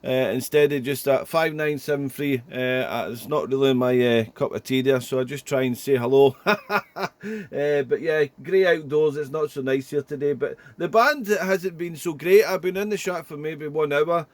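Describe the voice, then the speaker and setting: A slightly high-voiced man speaks at normal speed in a dry recording, chatting as a ham radio operator. He rambles, repeats himself, and often ends phrases with "there," all from a small home radio room.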